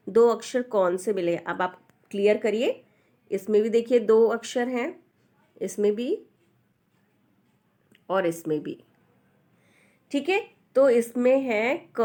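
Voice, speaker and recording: A woman's voice: on the high side, a little mellow. A woman teaching the Hindi alphabet in a patient, explanatory way, repeating each letter and often checking in with the learner. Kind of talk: slow explanatory lesson.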